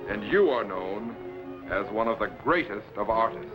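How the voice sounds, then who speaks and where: An actor playing an authoritative, courteous time-traveling captain who lectures formally in the declamatory style of a 1950s TV sci-fi serial. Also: male voice, fairly low pitch, lively intonation, normal speed, music in the background, lightly acted. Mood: courteous, solemn. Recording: dull, lo-fi vintage broadcast recording.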